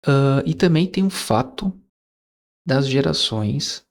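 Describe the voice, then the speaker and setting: This man's mid-range voice has lively intonation, and he takes things slowly. He's a YouTuber in his 20s chatting reflectively with viewers, rambling and correcting himself between fillers.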